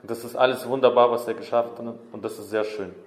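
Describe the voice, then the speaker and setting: A man interpreting a sermon live, phrase by phrase, often hesitating and correcting himself. His voice sits at a middle pitch. The church hall is roomy and echoing. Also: steady tone, quick pace. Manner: hesitant, many fillers and self-corrections.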